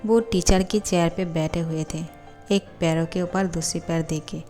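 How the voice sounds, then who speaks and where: Brief: female storyteller, fairly low voice, even retelling, faint music bed. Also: normal speed. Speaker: story narrator. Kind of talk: storytelling narration of fan fiction. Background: faint background music.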